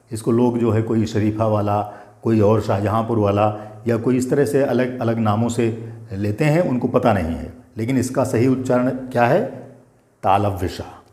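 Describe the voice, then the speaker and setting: A man's voice: fairly low pitch, a little mellow, roomy sound. An older man teaching Sanskrit grammar, patiently repeating terms and asking his students questions. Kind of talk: explanatory grammar lesson.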